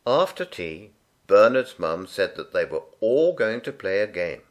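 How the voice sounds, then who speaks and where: A man reading a children's picture book aloud in a gentle, unhurried, expressive way. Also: fairly low pitch. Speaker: storyteller. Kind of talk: read-aloud children's story.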